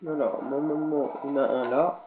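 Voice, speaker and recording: A man who is a little sick, giving casual, halting commentary to his viewers while he plays a game. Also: fairly high pitch, steady tone, slight background noise. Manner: rambling, halting, talks to viewers while playing. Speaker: gaming video commentator. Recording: tinny, lo-fi, echoey capture with faint game ambience.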